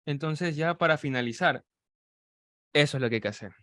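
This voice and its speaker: A man's voice: fairly high pitch, a little fast, dry recording, clean studio sound. A man preaching on evangelism, telling a personal story with acted-out dialogue and urging the audience directly. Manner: animated storytelling, acting out quoted dialogue; addresses the audience directly with practical exhortation.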